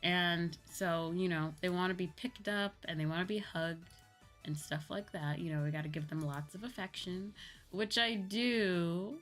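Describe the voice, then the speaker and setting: A young American woman, a livestreamer and virtual YouTuber, chats casually with her live viewers, rambling informally and often correcting herself. Her voice is fairly low, a bit bright, and steady in tone at a normal speed. Music plays in the background.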